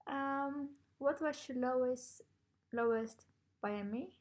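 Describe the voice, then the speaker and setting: Speaking slowly in a high voice, a young vlogger from the Netherlands takes viewer questions in a casual chat to camera. Her delivery is hesitant and a bit self-conscious.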